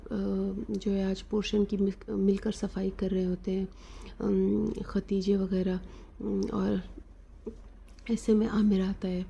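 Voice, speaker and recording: A woman narrating an episode recap of a drama, retelling the plot with fillers and pauses. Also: mid-range voice, vocal fry, dark tone, breathy edge.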